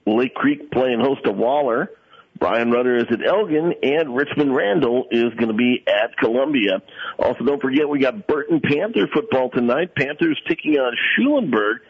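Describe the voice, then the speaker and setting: A man's voice: medium pitch, expressive, moderate pace, breathy edge. A man hosting a sports broadcast with unscripted football pregame commentary. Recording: dull lo-fi radio broadcast.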